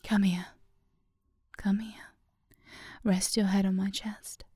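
A woman whispering a soft, affectionate, sleepy ASMR girlfriend roleplay into a close microphone. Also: mid-range voice, flat delivery, breathy edge, no room sound. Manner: slow and soothing, sleepy.

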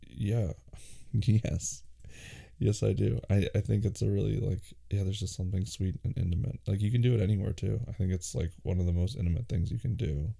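A man hosting a casual, intimate question-and-answer show, relaxed and soft-spoken, sometimes dropping into a hushed reading voice. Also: on the low side, brisk, vocal fry. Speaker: podcast host answering listener questions.

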